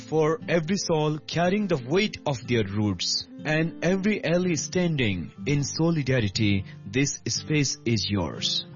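A man delivers a scripted intro in a slow, declaiming style, his pitch swinging widely from line to line. Guitar music plays softly under him, and the recording sounds dull and lo-fi. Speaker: show intro narrator. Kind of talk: scripted dramatic narration.

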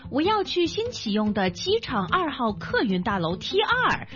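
Woman for a radio ad; high, lively intonation, music bed, lo-fi. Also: normal speed. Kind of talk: scripted radio ad dialogue.

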